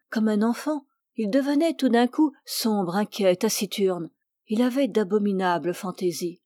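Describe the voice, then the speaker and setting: A woman's voice: medium pitch, mellow, no echo, clean studio sound, natural voice. A woman reading the part of a frank, spirited young woman painter in an audiobook. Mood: sorrowful.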